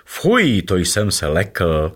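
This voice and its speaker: A man voicing an eager, excitable small male creature in a children's story, with drawn-out exclamations. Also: fairly low pitch. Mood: excited.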